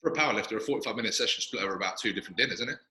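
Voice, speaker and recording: Male podcast host, quick and self-mocking, recorded with big hall echo in a gym. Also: fairly low pitch, bright, forceful tone. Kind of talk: casual chat. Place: echoey gym, sitting in a squat rack. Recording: echoey gym room.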